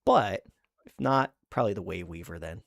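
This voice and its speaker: A man hosting a casual gaming chat stream, excitable and loose, saying dude and man a lot. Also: low voice, normal speed, vocal fry, dry recording, studio quality. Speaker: podcast host.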